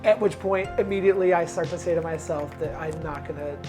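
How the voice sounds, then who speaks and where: A man speaking in a reflective, measured way in a confessional interview, with small hesitations. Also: fairly high pitch, loud music behind the voice. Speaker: reality show contestant.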